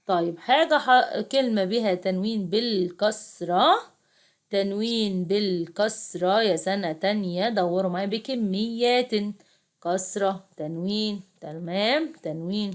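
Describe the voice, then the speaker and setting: A woman's voice: mid-range voice, a little slow. A young adult woman with an Egyptian accent, tutoring second graders in a chatty, coaxing way and speaking straight to her pupils. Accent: Egyptian Arabic. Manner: chatty, coaxing, addresses pupils directly, frequent restarts. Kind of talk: casual classroom explanation.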